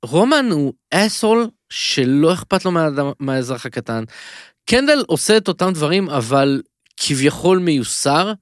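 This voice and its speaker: Animated rambling man in dry studio. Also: on the high side, dry recording. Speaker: podcast co-host. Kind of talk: casual TV-recap podcast chat.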